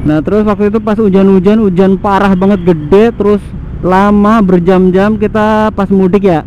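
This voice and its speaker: A motovlogger host with a high-sitting, darkish voice chats casually at a normal speed with fairly even intonation, repeating himself for emphasis. He is riding a motorbike outdoors on city roads, and a muffled helmet mic picks up engine and traffic noise.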